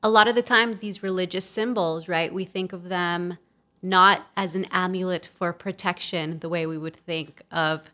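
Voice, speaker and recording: A woman's voice: on the low side, steady tone, moderate pace, bright, forceful tone. A woman co-hosting a casual chat, explaining things and asking follow-up questions. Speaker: podcast co-host.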